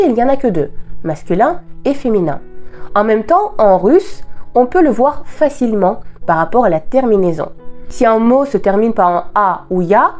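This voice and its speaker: A woman from Russia, a native Russian speaker, giving a scripted language lesson and slowing down to pronounce example words with care. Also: medium pitch, a little mellow. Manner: clear, deliberate teaching, slowing to model example words. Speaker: language teacher.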